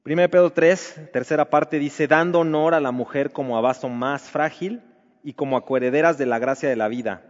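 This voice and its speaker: A man's voice: on the high side, brisk. A man preaching a sermon to married men, asking rhetorical questions in a conversational way. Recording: dull reverberant hall recording.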